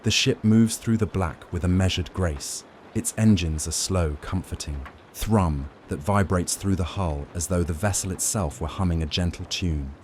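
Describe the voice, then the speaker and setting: Really deep dark-voiced guy reading a sleep story, slow n gentle, soothing. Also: a little hiss or hum. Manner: gentle, measured, hushed lulling delivery. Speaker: narrator of bedtime lore stories.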